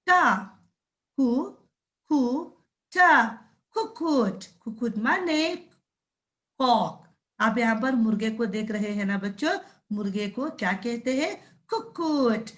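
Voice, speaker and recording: A woman teaching a primary school class, sounding out words syllable by syllable and repeatedly checking with the children. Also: on the high side. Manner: drawn-out syllable-by-syllable pronunciation drills. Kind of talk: slow classroom lesson addressing children.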